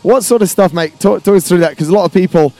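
A man's voice: sits high, fast talker, dark tone, soft background music. A man hosting a casual podcast interview, upbeat and chummy, calling his guests "mate". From Yorkshire, England. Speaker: podcast host.

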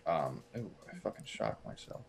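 A man's voice: a bass voice, sing-song, moderate pace, creaky, slight background noise. A young man co-hosting a casual podcast, telling a rambling, mock-boastful story about himself. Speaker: podcast co-host.

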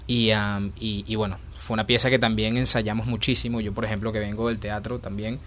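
Young Venezuelan man, low flat delivery, hesitant interview answers, faint noise. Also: brisk. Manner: thoughtful, many fillers and restarts. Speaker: filmmaker and actor.

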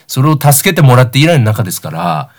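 A young man of about nineteen talks alone as host of a comedic talk show. He rambles through anecdotes and mocks himself, and his pitch swings widely up and down as he goes. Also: big pitch swings, fast. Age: young adult, about 19. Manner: rambling, self-deprecating comic storytelling.

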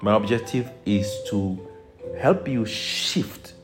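A man from Togo with a Togolese accent, teaching as a motivational spiritual life coach in deliberate phrases with emphatic stresses. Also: fairly low pitch, music in the background. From Togo, West Africa.

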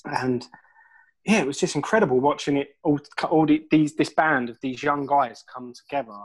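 A man's voice: a little high, moderate pace, rough recording. A man, a musician guest telling rambling, laugh-filled stories and swearing freely. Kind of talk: casual storytelling interview.

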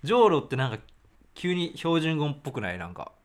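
A young man co-hosting a casual podcast, playful and animated when he argues a point. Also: fairly high pitch, quick pace. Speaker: podcast co-host, band member. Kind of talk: casual chat.

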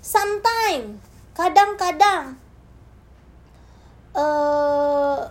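Woman preacher, high voice, sermon straight to the congregation, hushed bits then loud emphatic bits. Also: very slow. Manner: addresses the congregation directly, swinging from soft and hushed to loud and emphatic. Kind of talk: sermon with a personal testimony.

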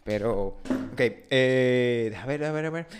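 A man's voice: medium pitch, slow pace. A man with a Dominican accent telling anecdotes as a podcast co-host in casual, slangy talk, often repeating and interrupting himself. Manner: slangy, repetitive, self-interrupting.

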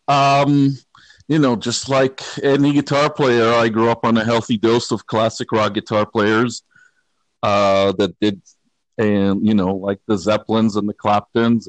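Low-voiced guitarist, relaxed and rambling. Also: male voice, measured pace, dry recording, low-quality recording. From Israel. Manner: relaxed, rambling, self-deprecating humor. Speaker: guitarist guest. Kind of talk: conversational interview.

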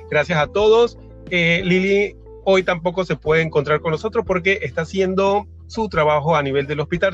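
A man's voice: fairly high pitch, a bit bright. Chatty male podcast host, lo-fi sound. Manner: friendly, with frequent fillers and restarts. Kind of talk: casual podcast chat.

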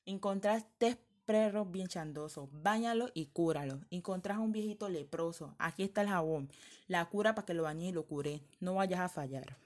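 A woman voicing a kind magical voice from the air that calmly soothes and gives instructions, in a read-aloud folktale. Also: lowish voice, moderate pace, close to an everyday voice. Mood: reassuring. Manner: calm, soothing. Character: kind magical voice from the air, a gentle helper spirit.

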